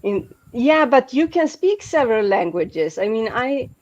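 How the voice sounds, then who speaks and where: With a highish, sing-song voice that's a little mellow, this woman from Sweden talks casually in English as a non-native speaker at a measured pace. She's a guest who hesitates, restarts frequently and leans on fillers, and the audio sounds dull.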